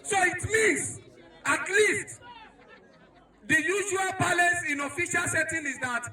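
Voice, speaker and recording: Nigerian man shouting a protest speech. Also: very high-pitched, unhurried. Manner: declamatory, emphatic, repetitive rallying phrases. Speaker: protest speaker. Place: outdoor protest crowd. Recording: echoey crowd recording from far off.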